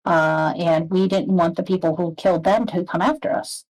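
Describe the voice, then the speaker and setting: A woman playing a bereaved horned woman in a tabletop game, speaking in a halting, hesitant way. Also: on the low side, steady tone, a little mellow, poor audio. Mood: guarded.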